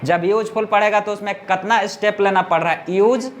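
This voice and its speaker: A man's voice: high voice, steady tone, a little fast, a bit bright, a little hiss or hum. A male teacher explaining a grammar lesson step by step to a class, often stopping to ask whether the students understand.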